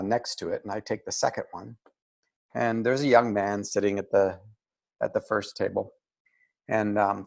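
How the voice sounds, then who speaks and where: His voice is fairly low and gravelly. An older man and interview guest on a video call, he tells a casual story with energy, acting out the voices of the people in it.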